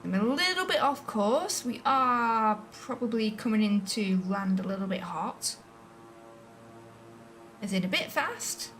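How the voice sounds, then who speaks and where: A woman's voice: medium pitch, animated, a little slow, a bit bright, a little hiss or hum. Chatty woman streamer, a bit off-mic. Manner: chatty, thinking aloud, self-questioning. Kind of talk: casual live-stream commentary while playing a flight simulator. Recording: voice a bit distant from the mic, faint music behind.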